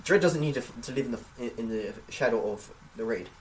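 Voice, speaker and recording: A man co-hosting a casual film chat podcast speaks hesitantly, often repeating words as he works out his point. His voice is mid-range and fairly quick. He sits slightly away from the microphone, and there's a little hiss or hum.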